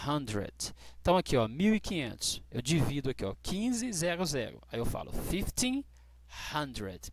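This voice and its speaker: A man teaching English dates, who explains patiently and slows right down to model each English phrase. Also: medium pitch, slight background noise. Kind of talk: classroom explanation.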